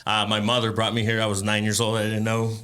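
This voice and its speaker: A man from El Salvador, a rapper and entrepreneur, telling his life story as a podcast guest in a relaxed way, with frequent fillers and laughs. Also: fairly low pitch, fast. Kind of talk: casual interview chat.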